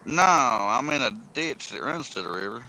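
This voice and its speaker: A folksy man talks casually while he fishes outdoors beside a ditch that runs to a river. His voice is bright and swings lively up and down. A faint hiss of outdoor noise sits under him. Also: medium pitch, moderate pace, rough recording. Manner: folksy, laughs often. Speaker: fishing vlog host. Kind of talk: casual chat while fishing.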